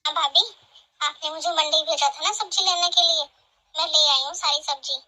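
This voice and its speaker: Woman doing a tired old auntie, soft and sorry-sounding, high bright voice, cartoon family drama. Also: fairly even intonation, normal speed, poor audio. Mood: weary. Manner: soft, weary, apologetic. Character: tired elderly aunt, meek and put-upon. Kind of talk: animated family drama voice acting.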